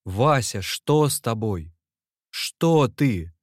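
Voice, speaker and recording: A man's voice: fairly low pitch, measured pace, no echo, clean studio sound, close to an everyday voice. A man voicing an anxious, devoted young male clerk who pleads and cries out to his friend. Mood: desperate. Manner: pleading, agitated, shouting.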